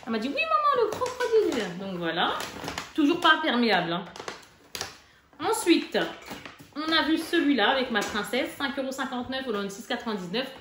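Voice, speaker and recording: A woman in her thirties, a mother, chatting casually and warmly to her viewers with lots of fillers while showing off her shopping. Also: sits high, expressive, fairly quick, pauses often. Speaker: vlogger, mother. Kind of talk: casual haul vlog chat. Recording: echoey room with background noise.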